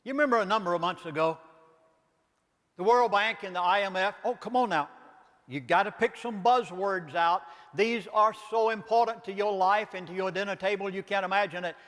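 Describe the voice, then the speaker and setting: A man's voice: high-pitched, brisk, a bit bright, big-room sound. An older man with a Southern accent, a pastor giving an impassioned lecture, emphatic and pleading, asking rhetorical questions.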